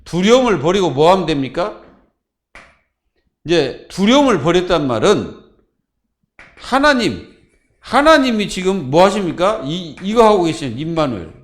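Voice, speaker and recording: A man's voice: sits high, big pitch swings, normal speed, pauses often. A man preaching a Friday sermon as pastor, asking the congregation questions and answering them himself.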